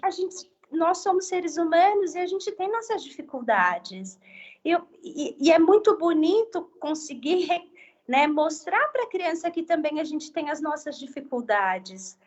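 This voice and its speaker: High-voiced woman speech therapist explaining gently. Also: sing-song, measured pace, lo-fi sound. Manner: gentle explanatory tone, frequent tag questions. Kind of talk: live online health talk.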